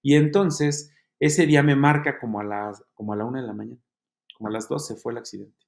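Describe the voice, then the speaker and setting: A man's voice: mid-range voice, creaky, darkish tone. Earnest man telling his story. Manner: earnest, halting storyteller with many fillers. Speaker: guest. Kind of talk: testimony in an interview.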